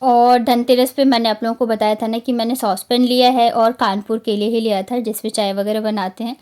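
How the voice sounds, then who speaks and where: A woman's voice: a little high, fairly even intonation, brisk, darkish tone. A woman in her thirties from Bihar, narrating her home vlog in a chatty, rambling way with many fillers. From Bihar, India. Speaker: vlogger. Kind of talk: casual vlog voice-over narration.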